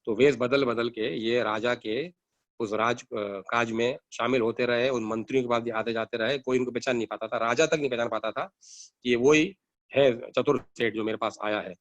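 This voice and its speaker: A man telling a devotional story in an unhurried way, with frequent pauses and restarts. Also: mid-range voice, steady tone, no room sound, muffled recording.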